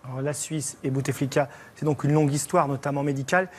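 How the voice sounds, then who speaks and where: Higher-voiced male TV reporter. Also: steady tone, quick pace, slight background noise. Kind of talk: lively spoken report to studio.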